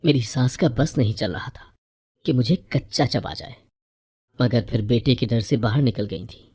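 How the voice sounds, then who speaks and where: A woman narrating a first-person moral story in a measured, even reading voice. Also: extremely low pitch, slightly rough.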